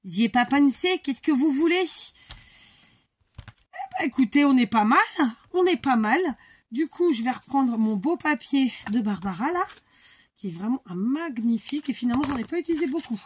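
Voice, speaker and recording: A woman's voice: high-pitched, animated, normal speed, slightly rough. A woman hosting a crafting tutorial, chatting casually and thinking aloud, muttering to herself as she works.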